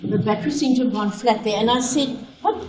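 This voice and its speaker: A woman's voice: on the high side, fast, crowd noise. A woman in her fifties hosting a conference, telling chatty, joking family stories to the audience. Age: 50s. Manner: chatty, jokey storytelling with acted quotes. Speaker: event host. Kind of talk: live conference emcee speech with anecdotes. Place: large conference hall. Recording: echoey hall, distant mic, audience behind.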